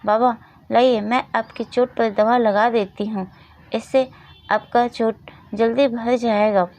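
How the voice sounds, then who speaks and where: Woman voicing a sweet little girl asking nicely, soft and high, storybook reading. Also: steady tone, takes it slowly, no room sound. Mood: pleading. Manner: soft, pleading. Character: meek hungry little girl. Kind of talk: storybook narration with voiced roles.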